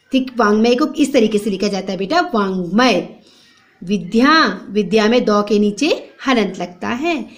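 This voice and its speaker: A young woman teaching a children's grammar class, her voice pitched high and her pace very unhurried. She names the wrong spelling, then the right one, and breaks words into letters one at a time while asking the class to answer. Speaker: primary school teacher. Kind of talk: Hindi grammar lesson for children.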